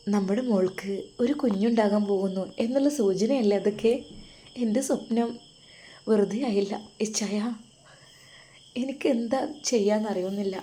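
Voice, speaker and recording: Mother figure read by a woman narrator: middle-aged, doting, emotional, mellow voice. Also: medium pitch, a little hiss or hum, close to an everyday voice. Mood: overjoyed. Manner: doting, fussing, tearful.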